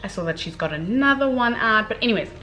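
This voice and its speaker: Talking fast in a slightly high voice, this young woman gushes through a chatty, casual book review full of slang and dramatic emphasis. The recording quality is rough.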